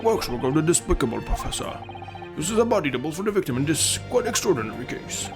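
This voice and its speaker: A man's voice: fairly high pitch, big pitch swings, quick pace, music in the background. A man voicing an older male judge who speaks formally and doubtfully, in a fan dub of a video game. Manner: formal, ponderous court speech.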